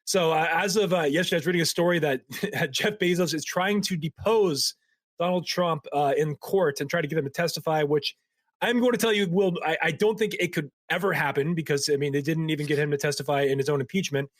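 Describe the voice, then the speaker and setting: A man's voice: on the high side, brisk, no room sound, clean studio sound. A man co-hosting a marketing podcast in casual chat, talking loosely with many likes and frequent laughs. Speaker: podcast co-host.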